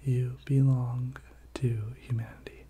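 A person giving a whispered pep talk in soft, breathy ASMR style, repeating short encouraging phrases. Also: medium pitch, flat delivery, slow.

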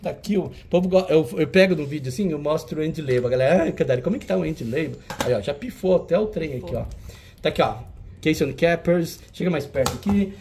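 A man's voice: a little high, expressive, fast, a little mellow, slight background noise. A man hosting a retro game auction, showing old cartridges in casual, teasing banter. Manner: chatty, teasing, jokey banter with a helper.

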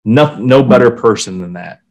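A man's voice: medium pitch, moderate pace. A man co-hosting a podcast, talking casually and animatedly, with swearing. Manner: animated, swearing, reading quotes aloud. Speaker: podcast co-host. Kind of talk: casual hockey podcast chat.

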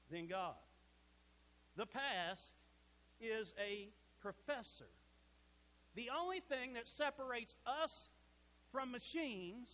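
A middle-aged man with a high voice preaches a sermon in a church sanctuary, folksy and emphatic, sometimes dropping to a hush. The audio is poor.

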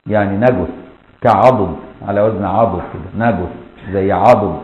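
A man with an Egyptian Arabic accent teaching a colloquial classroom lesson, explaining step by step and often checking that listeners follow. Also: lowish voice. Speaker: Islamic jurisprudence teacher. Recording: echoey, dull lo-fi room recording.

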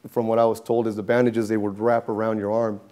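Barber guy in his 30s, dark mellow voice, talks with his hands in the shop. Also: on the low side, quick pace. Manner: animated storytelling, gesturing. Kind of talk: documentary interview. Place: barbershop interior.

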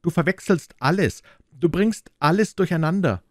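A man's voice: on the high side, animated, normal speed, no echo, studio quality, pitched above the performer's own voice. A man voicing a small, earnest boy prince from another planet, who questions insistently and indignantly. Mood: angry.

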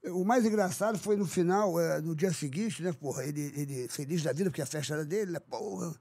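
A man's voice: on the high side, brisk, gravelly, warm tone, slightly rough. A man with a Rio de Janeiro accent co-hosting a podcast in casual chat, rowdy and teasing, swearing often. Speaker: podcast co-host.

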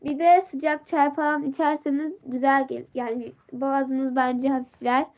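A teenage girl hosts a casual live stream from her phone, greeting viewers by name and reading their comments aloud. Her voice sits high, but a sore throat and a blocked nose leave it worn and stuffy. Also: level tone, moderate pace, a little mellow.

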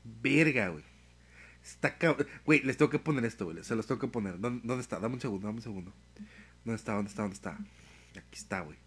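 A young man with a Mexican accent, chatting casually on a live stream, full of slang and swearing, telling stories with animated energy. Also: on the low side, quick pace, slightly rough. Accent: Mexican Spanish.

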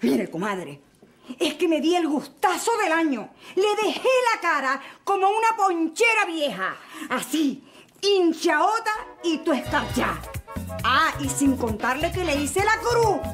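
A woman's voice: high voice, very animated, a little slow, fairly bright tone, full character voice. A brash, feisty middle-aged mother. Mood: gleeful. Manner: brash, colloquial, gleeful bragging. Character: brash, feisty mother boasting after a brawl. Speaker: actress. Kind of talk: telenovela comedy acting. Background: music.

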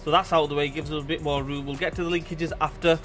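In this repair video, a mechanic with a blocked nose talks quickly in a fairly high, somewhat bright, level voice over soft background music. The phone is held close to the engine while he chats informally, calling viewers "guys" and explaining what he's doing.

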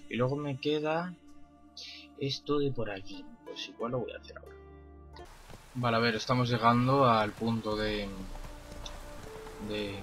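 A man doing let's play commentary, excitable, swearing and talking back to the game. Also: mid-range voice, moderate pace, pauses often, faint music behind. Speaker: gaming streamer.

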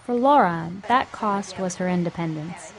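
A woman reporter reading a scripted television news narration in a measured storytelling way. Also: fairly low pitch, lively intonation.

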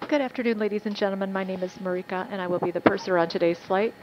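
A woman working as flight purser, giving courteous, scripted announcements over an airliner's cabin loudspeaker. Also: medium pitch, fairly even intonation, racing. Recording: muffled PA with cabin hum.

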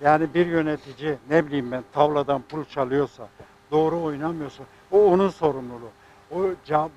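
A man's voice: on the high side, a little mellow, slight background noise, low-quality recording. An older man speaking as a sports club president, making an indignant, rambling statement. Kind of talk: press statement.

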